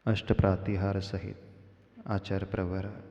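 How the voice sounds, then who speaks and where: Slow-speaking monk in an echoing hall. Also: male voice, sits low, completely flat delivery, gravelly, mellow. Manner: slow, questioning the audience, teasing with humor. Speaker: Jain monk preacher. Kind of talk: sermon to a live congregation. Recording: dull lo-fi sound with long hall reverb.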